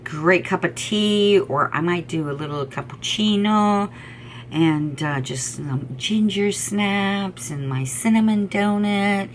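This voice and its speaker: A middle-aged woman chats to camera about her knitting, enthusiastic and rambling, with plenty of ums and repeated words. Her voice sits a little low for a woman. A faint hum of room noise runs behind her. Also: a bit bright. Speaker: knitting podcast host. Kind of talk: casual chat to camera.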